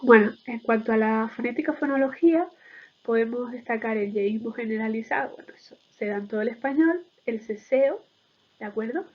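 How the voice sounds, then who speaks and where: A woman's voice: a little high, brisk, highs cut off. A woman giving an explanatory lecture in a didactic way, often checking in with short tag questions.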